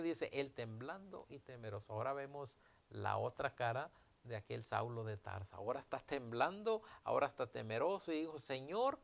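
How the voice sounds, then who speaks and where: Male pastor, gravelly mid-range voice, preaching with emphatic swells. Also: medium pitch, a bit bright. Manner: preaching with emphatic rises, retelling scripture dialogue. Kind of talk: sermon.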